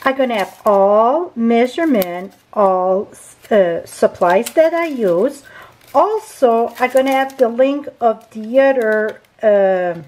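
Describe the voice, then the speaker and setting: A woman's voice: on the high side, expressive, takes it slowly, a little mellow, rough recording. A woman with a French accent giving a chatty, unscripted card-making tutorial at a craft table, correcting herself as she goes. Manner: chatty, unscripted, with small grammar slips and self-corrections.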